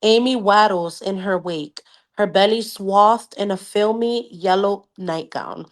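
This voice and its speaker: Co-hosting a book club podcast, a woman reads aloud casually and expressively, reacting as she goes, swearing, and sometimes interjecting in Spanish. Her voice sits in the mid-range and her pace is measured.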